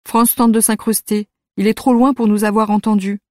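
A woman reads a youth novel aloud in the first person, steady and measured. Her pitch is middling, and the recording is close and dry with no room sound. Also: dry recording. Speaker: audiobook narrator. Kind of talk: scripted narration of a youth novel.

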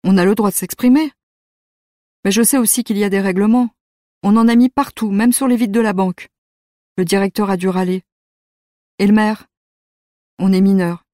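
A woman narrating a youth novel in the first person, in a steady, measured reading voice. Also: mid-range voice, no echo, studio quality. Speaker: audiobook narrator.

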